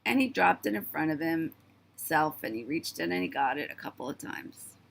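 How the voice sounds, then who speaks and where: A woman in her fifties telling a story to the camera in a chatty, marvelling way, her voice starting to go hoarse. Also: deep voice, lively intonation, moderate pace. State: voice going hoarse. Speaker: vlogger.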